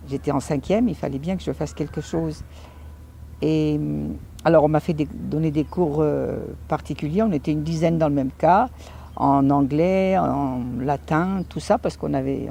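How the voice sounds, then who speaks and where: A woman telling her own story in French in a lively anecdotal way, acting out the lines of people she quotes. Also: low voice, creaky, a little hiss or hum. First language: Italian and French. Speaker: speaker recounting her life. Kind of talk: personal storytelling talk.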